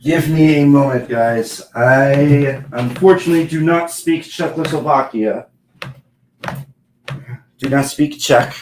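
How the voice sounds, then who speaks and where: A man in his thirties from Ohio talks to his stream chat in an unhurried, drawn-out way. He is loose and profane. His voice sits at a middle pitch and carries a roomy echo. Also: slight background noise. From Ohio, USA. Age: 30s. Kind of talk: casual live-stream chat with viewers.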